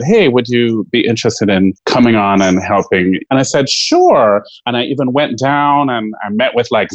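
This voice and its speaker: A man's voice: medium pitch, no room sound, poor audio. A man, a stage actor and guest, chatting casually and telling stories with frequent laughter. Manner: chatty, laughs often, animated storytelling. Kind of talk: casual interview chat.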